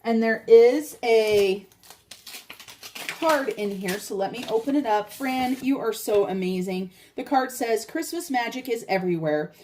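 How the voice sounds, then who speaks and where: A woman's voice: on the high side, a little slow, darkish tone, slight background noise. An older woman chatting casually as a vlogger, heartfelt and talking straight to her viewers. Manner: chatty and heartfelt, addresses viewers as you guys. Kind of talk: casual chat.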